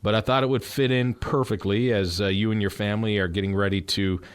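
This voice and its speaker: A man's voice: fairly low pitch, steady tone, a little fast, smooth. A man hosting a radio show in a casual, chatty and affirming way.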